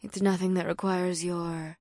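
A man voicing a calm, flirtatious female succubus who owns a club, speaking softly with a purr. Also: a little slow, vocal fry, no room sound, clean studio sound, full character voice. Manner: soft, low, purring delivery.

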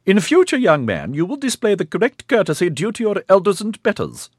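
A man's voice: high voice, very animated, a little fast, no echo, studio quality, pitched above the performer's own voice. A man voicing a haughty, imperious old woman with a wavery voice, scolding indignantly. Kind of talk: audiobook character voice.

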